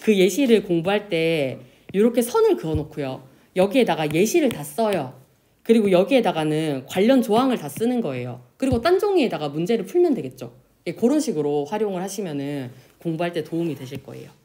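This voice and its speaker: A woman teacher giving a classroom lesson, asking questions and answering them herself, and drawing out example words slowly. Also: fairly low pitch. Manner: lively, pronounces example words slowly and drawn out. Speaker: Korean language teacher. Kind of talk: classroom lecture.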